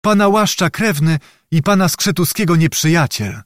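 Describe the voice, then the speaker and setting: Gentle pious knight, mild reproach, lifted voice, dry sound, put on by a male reader. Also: on the high side, expressive, normal speed, dry recording, pitched above the performer's own voice. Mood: reproachful.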